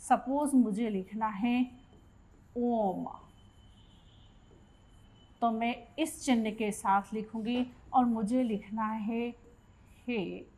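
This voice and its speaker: Slow, high-voiced woman teaching Hindi grammar. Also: dark tone. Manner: explains step by step, repeats questions and answers. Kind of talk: exam-prep grammar lesson.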